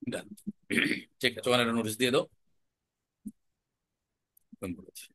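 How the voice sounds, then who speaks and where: A man teaching an online class on spoken-word art, explaining in a measured, emphatic way with deliberate pauses. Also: medium pitch, fairly even intonation, pushed and bright, no room sound. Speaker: recitation and voice teacher.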